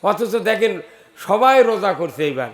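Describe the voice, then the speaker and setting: A man preaching a sermon with a North Bengal Bangla accent, fiery and shouting, often asking the crowd questions. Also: sits high, big pitch swings, a little slow, background noise.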